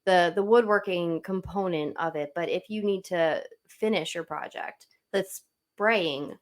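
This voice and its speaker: A woman with a South Jersey accent chatting casually on a podcast about her husband's hobby, playful and quick to laugh. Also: on the low side. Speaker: podcast guest, host's wife. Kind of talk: casual chat.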